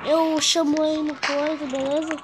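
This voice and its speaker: A woman's voice: high-pitched, fairly even intonation, unhurried, very noisy. A female host with a Brazilian Portuguese accent, giving dramatic, chatty gameplay commentary and talking straight to her viewers. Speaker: gaming channel host.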